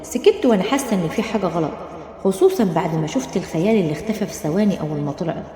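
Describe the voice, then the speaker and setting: A woman's voice: on the low side, expressive, racing, dark tone. A woman with an Egyptian accent telling a dramatic first-person story with tense, emotional narration. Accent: Egyptian Arabic. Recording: roomy, long reverb.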